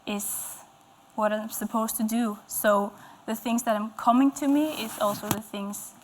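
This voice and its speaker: Speaking at a fairly high pitch and moderate pace, this young adult woman is a musician appearing as a guest. She comes from the west coast of Norway, speaks Norwegian natively, and has a Norwegian accent, pausing hesitantly to find words as she answers interview questions. The rough recording, made on an indoor stage with dark curtains, carries slight background noise.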